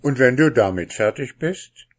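A man's voice: medium pitch, lively intonation, moderate pace, slightly rough, pitched above the performer's own voice. A man voicing a shy, unlucky young man in a fairy tale, speaking timidly and pleadingly.

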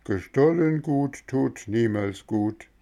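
A man's voice: medium pitch, slow, warm tone, voice pushed up. A man voicing a young wooden puppet boy who speaks firmly and lectures in proverbs, in a storybook reading. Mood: stern scolding. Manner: firm, scolding.

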